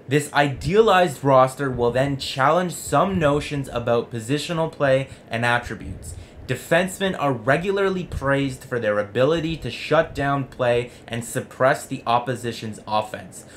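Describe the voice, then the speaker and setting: A young man gives conversational sports commentary, arguing with himself as he explains his point. His voice is mid-pitched and earnest. There is some noise in the room around him. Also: normal speed, a bit bright. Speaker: sports vlog host. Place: small home room with jerseys on the wall.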